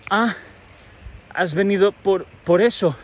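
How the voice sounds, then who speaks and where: A man's voice: high voice, slow pace, slight background noise, voice pushed up. Ero: man doing a flustered, shy teen girl. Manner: flustered, stammering. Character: shy, sweet teenage girl in love.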